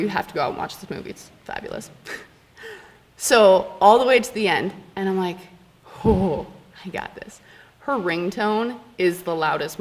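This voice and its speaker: A young woman telling a funny personal story on stage at a live storytelling event, animated and laughing often. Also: lowish voice. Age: young adult. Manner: animated, laughing, dramatic pauses. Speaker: student storyteller.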